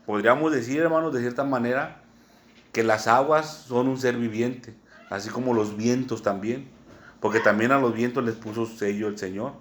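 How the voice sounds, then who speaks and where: A man with a Mexican accent preaching a sermon, teaching slowly and often checking in with "¿verdad?". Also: mid-range voice, a little hiss or hum. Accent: Mexican Spanish. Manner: unhurried teaching tone, many "¿verdad?" asides, spells words out.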